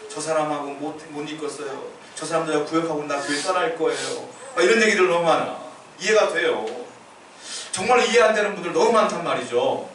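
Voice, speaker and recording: A man's voice: fairly high pitch, fairly bright tone, a little hiss or hum. A male pastor giving a sermon in a conversational, storytelling manner, recorded in a church sanctuary. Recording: echoey church hall from far off.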